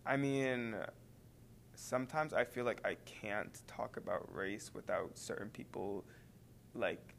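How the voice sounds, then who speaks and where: A man's voice: on the low side, takes it slowly, vocal fry, slight background noise. A teenage boy chatting casually, rambling and hesitant with lots of fillers. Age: teens. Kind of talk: casual chat.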